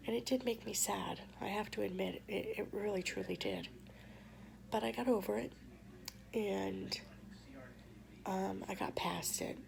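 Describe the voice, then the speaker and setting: A woman vlogger with a mid-range voice, going hoarse, shares a personal story to camera in a soft, halting manner full of pauses. There is noise in the background.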